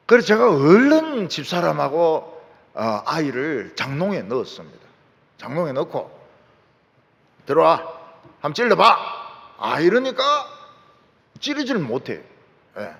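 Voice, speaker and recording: Fervent gravelly pastor in a hall. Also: male voice, a little high. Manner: fervent preaching, shouting out lines. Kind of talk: sermon. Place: large church sanctuary. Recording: church hall with long reverb.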